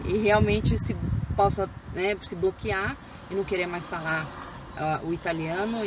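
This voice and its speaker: A woman's voice: mid-range voice, very noisy. A woman, a mother chatting casually in her vlog, with many fillers and restarts. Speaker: vlogger, mother.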